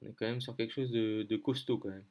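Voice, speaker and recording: A man's voice: lowish voice, fairly even intonation, fast talker, a little mellow. A man from France giving a casual screen-share lesson on weather maps, hesitant, with many fillers as he thinks aloud. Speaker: weather-map tutor.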